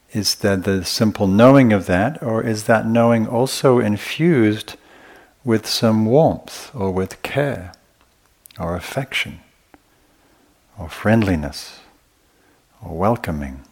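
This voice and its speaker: At a retreat, a male meditation teacher gives a guided talk in an unhurried, gentle manner. He speaks in short phrases with frequent pauses, and his voice sits on the low side.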